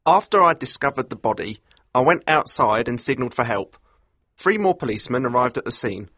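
A defensive, flustered policeman, voiced by a man reading aloud. He hurries his words and sits a bit higher than the narration. The recording is close and dry. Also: animated, a little fast, fairly bright tone, breathy edge, no echo. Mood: recounting.

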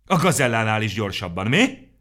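A man voicing an indignant storybook creature who shouts reproachfully. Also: on the low side, very animated, pitched above the performer's own voice. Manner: reproachful, loud. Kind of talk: storybook reading.

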